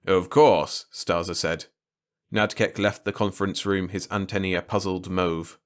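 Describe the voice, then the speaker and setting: A man reading a science fiction short story aloud in measured, even scripted narration. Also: deep voice.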